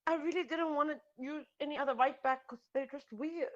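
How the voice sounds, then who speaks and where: High-voiced woman, teasing and defensive. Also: steady tone, brisk, muffled recording. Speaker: panelist. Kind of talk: casual video-call chat.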